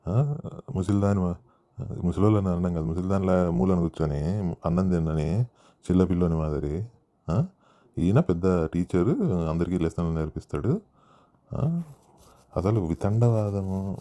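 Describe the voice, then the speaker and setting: A man's voice: sits low, warm tone. A man giving sarcastic, mocking commentary in a show review, often mimicking the people he talks about. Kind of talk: casual commentary.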